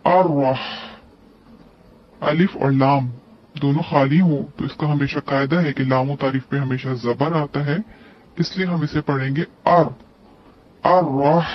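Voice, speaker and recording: A man's voice: medium pitch, slight background noise. A man teaching tajweed, breaking words into letters and drawing out the recited syllables between plain explanations. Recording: dull lo-fi recording.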